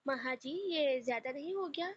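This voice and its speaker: A man's voice: very high voice, normal speed, highs cut off, slight background noise. A woman voicing a playful young man who teases and mocks his brothers. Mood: teasing. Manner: mocking, playful.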